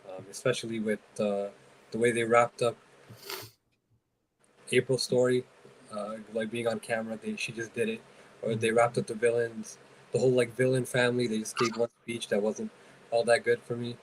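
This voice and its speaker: A man's voice: mid-range voice, little pitch movement, low-quality recording. Canadian guy cohosting, lots of ums and uhs, a bit of hiss behind him. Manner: measured, hesitant with many ums and uhs. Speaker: podcast co-host. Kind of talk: casual chat.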